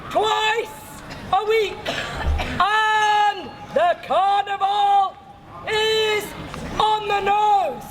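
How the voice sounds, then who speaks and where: A man crying out a town crier's proclamation in loud, drawn-out bursts of a few words. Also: extremely high pitch, steady tone. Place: outdoors in a town. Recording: noisy outdoor recording with crowd.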